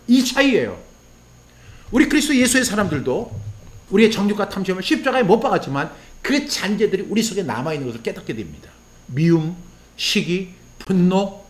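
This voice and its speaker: Man, pastor, sermon, high-pitched, very animated pitch, acts out quoted prayers. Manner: asks the listeners questions and answers them.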